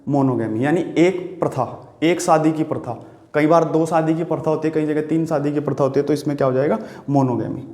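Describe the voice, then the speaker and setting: A man's voice: fairly high pitch, brisk, warm tone, reverberant. A man with an Indian accent teaching exam-prep vocabulary, explaining patiently, repeating words and asking the viewer questions. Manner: writes on a board while talking.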